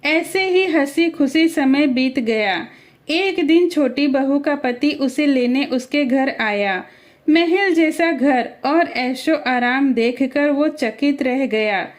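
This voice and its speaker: A woman storyteller narrates a cartoon tale in a measured, scripted way. Her voice sits high, and she takes her time over every line.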